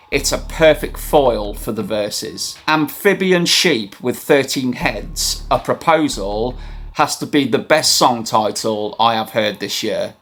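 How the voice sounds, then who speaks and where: A man reads a scripted album review for his vlog in a voice of middling pitch, keen and a little wry as he goes. His manner stays conversational, and faint music plays softly behind him.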